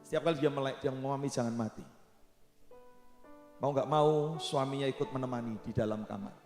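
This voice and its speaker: A man's voice: medium pitch, fairly even intonation, fast talker. A man preaching a sermon, telling a story with emphasis and calling to his listeners in a church. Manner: emphatic, addresses the audience as brothers and sisters. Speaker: pastor. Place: church sanctuary. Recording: echoey church hall with soft music.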